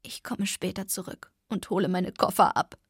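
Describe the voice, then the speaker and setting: A woman's voice: medium pitch, fairly even intonation, normal speed, breathy edge, dry recording, clean studio sound, close to an everyday voice. A woman reading the lines of a sentimental young woman who is sobbing. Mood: tearful.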